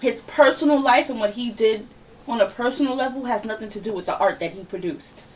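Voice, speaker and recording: A woman hosting a casual podcast, giving her opinions in a lively, ranting, conversational way. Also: on the high side, brisk. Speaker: podcast host. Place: home room, relaxed podcast setting. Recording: somewhat distant mic with faint background noise.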